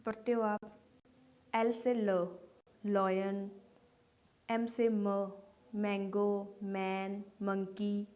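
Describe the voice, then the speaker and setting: A woman's voice: mid-range voice, flat delivery, very slow, long pauses, a little mellow. A woman teaching English letter sounds, speaking patiently and repeating each example word. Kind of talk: slow phonics lesson for beginners.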